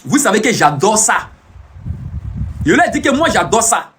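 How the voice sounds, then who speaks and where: High-voiced, animated man. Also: normal speed, a little hiss or hum. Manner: boastful, teasing, repeats phrases over and over. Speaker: live streamer. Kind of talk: casual boastful live-stream talk.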